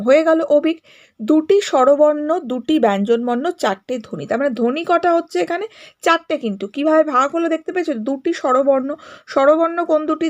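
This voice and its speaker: Woman teacher, high voice, patient step-by-step school grammar lesson, sprinkled with English okays.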